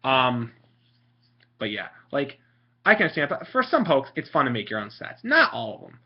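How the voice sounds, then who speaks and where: His pitch swoops wildly and his voice has a breathy edge as he talks at a normal speed. He's a young Italian vlogger rambling sarcastically about game strategy, mocking and full of fillers, on a muffled low-fi home recording.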